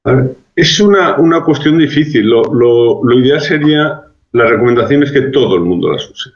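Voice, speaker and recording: A man at a middling pitch speaks as a public health expert in an interview, reasoning step by step with frequent restarts. The sound is roomy and dull, like a lo-fi remote link. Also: animated, normal speed. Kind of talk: explanatory interview answers.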